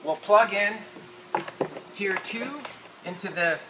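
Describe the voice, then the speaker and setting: This man speaks slowly and expressively in a high pitch as he walks through an assembly, offering casual, practical instructions step by step. The hands-on narration was captured in a noisy space, and he moves nearer and farther from the microphone.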